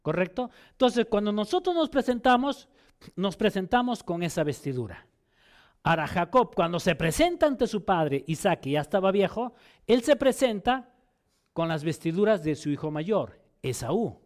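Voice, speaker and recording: Animated man preaching a sermon. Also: sits high, normal speed. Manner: repeats words and restarts phrases while explaining; asks rhetorical questions to listeners.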